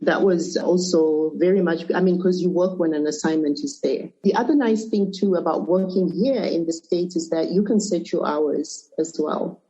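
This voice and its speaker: A middle-aged woman from Zimbabwe and Zambia, a podcast guest answering questions in a relaxed way with small restarts. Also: fairly low pitch, normal speed, hardly any pauses. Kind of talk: conversational interview answers. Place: remote call. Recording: muffled lo-fi remote audio.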